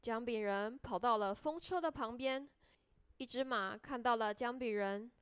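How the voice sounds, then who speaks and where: A woman narrating a children's story in a gentle, sing-song way. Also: on the high side, unhurried, smooth, dry recording, studio quality.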